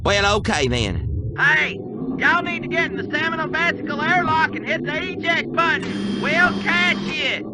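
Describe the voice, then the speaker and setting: A man's voice: very high-pitched, big pitch swings, moderate pace, heavy background noise. A man voicing a dim, good-natured space soldier with a Southern American accent in a satirical cartoon, naive and folksy. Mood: eager.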